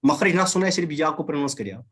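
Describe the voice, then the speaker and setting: A man's voice: fairly high pitch, expressive, a bit bright. A man teaching an online language class over a video call, patiently repeating and drilling examples. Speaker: Arabic teacher.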